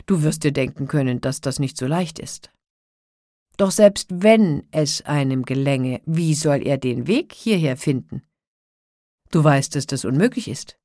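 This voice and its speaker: A woman voicing a loud, gruff, possessive male giant in a spoken fairy tale. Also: sits low, animated, measured pace, no echo, clean studio sound. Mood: boastful.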